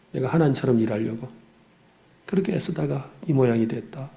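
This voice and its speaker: A man's voice: fairly high pitch, warm tone. A middle-aged man, a pastor, preaching an earnest, confessional sermon with personal stories.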